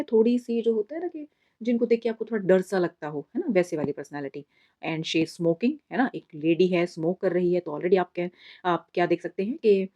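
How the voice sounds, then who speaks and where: A woman teacher talks her students through an exam summary lesson in a patient, explanatory way. She mixes Hindi and English and keeps calling them "beta". Her voice sits a little low and sounds warm and relaxed, on a somewhat dull, lo-fi recording.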